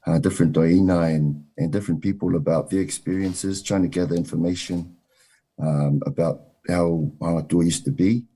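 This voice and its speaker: A man from New Zealand, a wrestling coach, answering interview questions in a measured way with frequent ums and uhs. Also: deep voice, fairly even intonation, mellow, husky.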